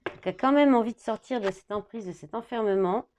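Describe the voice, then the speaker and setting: A woman's voice: fairly high pitch, fast talker, slight background noise. Woman chatting through a tarot reading. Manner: thinks out loud, reads card words, many "hein" and "bah". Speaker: tarot card reader.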